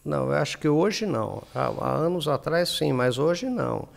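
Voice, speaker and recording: A man's voice: on the high side, lively intonation, moderate pace, gravelly. A Brazilian man speaking Brazilian Portuguese as an interview guest, rambling and often ending with tag questions. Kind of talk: casual interview chat.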